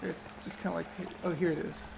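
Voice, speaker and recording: A man's voice: a little high, little pitch movement, fairly quick, vocal fry, noisy background. A young man casually commenting while he plays a video game, reminiscing and losing his train of thought. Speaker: let's play host. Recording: loud game music behind.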